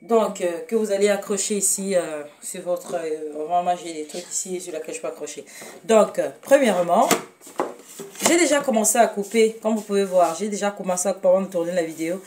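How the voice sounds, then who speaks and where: She's a woman from Cameroon with a Cameroonian French accent, hosting an easygoing cooking demo in her kitchen and speaking fondly to viewers despite frequent fillers, hesitation, and self-corrections. Her voice is lowish, a little mellow, and slightly fast. She's far from the mic, with a bit of hiss or hum.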